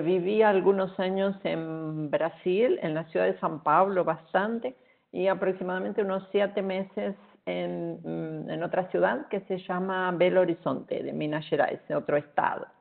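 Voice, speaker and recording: Over tinny, phone-like video call audio, a middle-aged Argentine woman presents a webinar as a guest speaker, chatting in a relaxed way with plenty of fillers. She has a fairly low, gravelly voice and an Argentine Spanish accent tinged with Portuguese.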